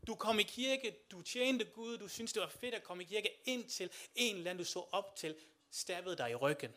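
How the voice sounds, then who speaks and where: A man preaching a sermon, speaking to listeners directly with questions and swinging from quiet passages to loud, rising shouts. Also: high voice, lively intonation.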